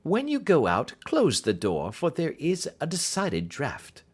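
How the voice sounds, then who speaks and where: A man's voice: on the high side, huge pitch swings, measured pace, husky, voice pushed up, full character voice. Man playing Sherlock Holmes, lilting, imperturbable detective. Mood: bland, unruffled. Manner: bland, imperturbable, precise reasoning. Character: cool, keen, unflappable male detective. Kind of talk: audiobook character acting.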